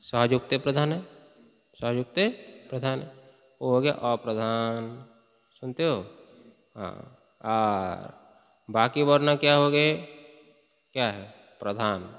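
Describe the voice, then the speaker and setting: Man teaching a grammar class, talks slow, chants lines and keeps asking questions, echo hanging in the hall. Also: medium pitch, a bit bright. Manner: slow, chants verses, quizzes students with questions. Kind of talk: classroom lecture.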